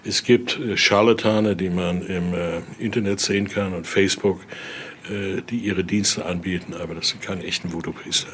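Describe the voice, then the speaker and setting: With a deep, steady, slightly bright voice at a moderate pace, a collector leads an informal tour of his Voodoo altar exhibit. He spins stories and frequently caps his sentences with question tags. A little background noise is audible.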